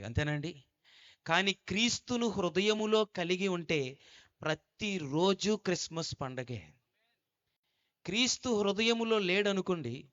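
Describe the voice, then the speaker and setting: Emphatic male preacher, fairly high voice. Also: fairly bright tone. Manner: emphatic, repeatedly urges listeners to listen. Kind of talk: storytelling sermon. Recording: dull lo-fi recording.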